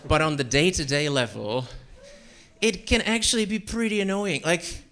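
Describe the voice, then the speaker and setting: A young man from Central Europe performing a self-deprecating stand-up set on a comedy club stage, with deadpan delivery and frequent fillers. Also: fairly high pitch, normal speed, a crowd in the background. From Czech Republic and Slovakia.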